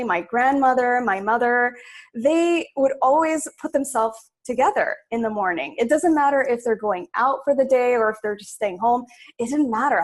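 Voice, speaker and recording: A young adult woman from Sudan, a stylist guest, talking chattily in a casual interview with many fillers. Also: a little high.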